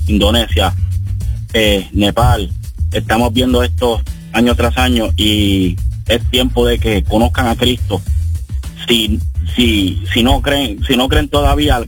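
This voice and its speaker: A man from Puerto Rico calling in to a radio show, speaking earnestly and devoutly, often hesitating with fillers. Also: medium pitch. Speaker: caller. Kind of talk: call-in radio conversation.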